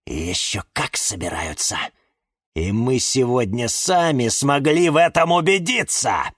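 A man voicing a suspicious, indignant male cactus in a children's audiobook, accusing and shouting. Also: mid-range voice, animated, a little slow, slightly rough, no echo, studio quality, voice pushed up. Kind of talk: audiobook character voice.

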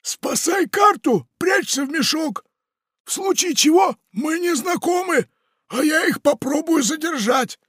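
A man voicing a boisterous, treacherous male pirate in a storybook, shouting his lines in a strained, raised voice. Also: lively intonation, a little slow, no echo, studio quality, exaggerated voice. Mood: boastful. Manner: shouting, exclamatory, high-pitched. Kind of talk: audiobook character voice.

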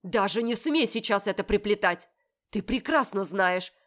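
A woman's voice: mid-range voice, expressive, normal speed, a bit bright, natural voice. Harsh controlling young man, barks commands, as a woman narrator plays him. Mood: stern. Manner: barking, stern commands.

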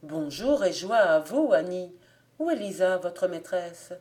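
An earnest young peasant suitor from a storybook, read by a woman narrator. He speaks plainly, then turns shocked and reproachful. The voice sits low. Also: animated, a little slow, darkish tone.

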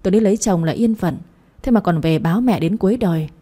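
A woman's voice: medium pitch, quick pace, mellow, lightly acted. A woman voicing a scornful young daughter-in-law who mocks and insults her in-laws. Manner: mocking, insulting.

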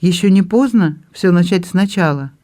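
A man's voice: high-pitched, normal speed, mellow, natural voice. A man reading an audiobook and voicing a hesitant young man in love, speaking tenderly with a shake in his voice.

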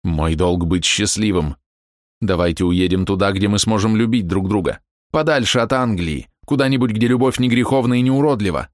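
A man reading aloud and voicing a desperate, lovesick married man in a slow, heavy, low delivery. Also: dry recording, studio quality, natural voice. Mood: yearning. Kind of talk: audiobook character reading.

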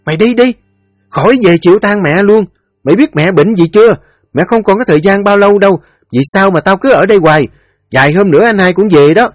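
A man's voice: a little fast, no echo, clean studio sound, faint music behind, natural voice. A man voicing a furious older sister who berates her younger brother in a spoken story. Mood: shrieking anger. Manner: shrill scolding.

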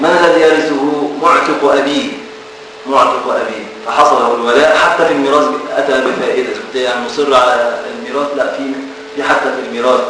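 Egyptian male teacher, banters with students, far from the mic. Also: medium pitch. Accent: Egyptian Arabic. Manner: lively, bantering with students, repeats key words. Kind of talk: classroom lecture. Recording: echoey room from far off, ambient noise.

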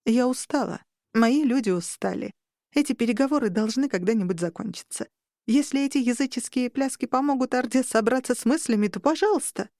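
Weary aristocratic lady marshal, voiced by a woman narrator, higher and sharp. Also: a little fast, no echo, clean studio sound, lightly acted. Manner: tired, condescending.

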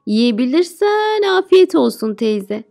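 Keloğlan, read by a woman, sly and slow. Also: high voice, big pitch swings, vocal fry, dark tone, faint music behind, heavily acted. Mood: cheeky. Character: clever cheeky young bald boy.

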